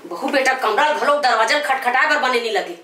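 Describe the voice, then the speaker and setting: A woman with a Chhattisgarhi accent playing a grumbling mother-in-law in a village comedy sketch, calling out loudly and humming devotional tunes. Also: sits high, lively intonation, brisk, reverberant, distant mic, slight background noise. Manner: grumbling, calls out loudly, hums devotional song.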